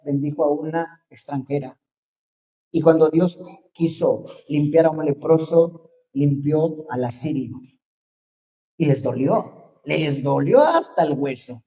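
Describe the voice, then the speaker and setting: A man with a Mexican accent preaching a sermon to his congregation, talking conversationally and dropping to quiet asides. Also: on the high side. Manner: conversational, drops to quiet asides, rises when reading scripture. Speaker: pastor.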